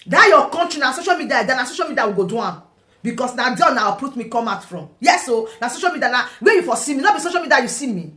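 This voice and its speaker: Sharp-toned Nigerian woman, combative vlogger. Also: high-pitched, lively intonation, fast. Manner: combative, taunting, rhetorical questions. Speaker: online political commentator. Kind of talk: vlog commentary in pidgin. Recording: echoey room.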